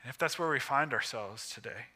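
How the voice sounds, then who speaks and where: A man preaching a sermon with emphatic, measured phrasing broken by pauses. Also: medium pitch, bright, forceful tone, husky.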